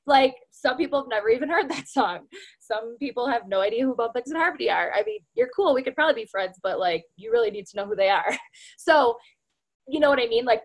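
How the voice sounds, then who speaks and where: Speaking a little high, a woman coaches her sales team in a relaxed motivational talk. Her chatty delivery is packed with "like" and "you know," and she often calls everyone "you guys."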